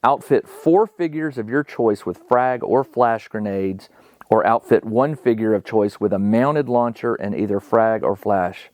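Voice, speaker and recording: A man's voice: on the low side, a little slow, darkish tone, no room sound. A man casually narrating a solo tabletop game, reading out rules and thinking aloud in a conversational way. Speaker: solo tabletop wargame player and host.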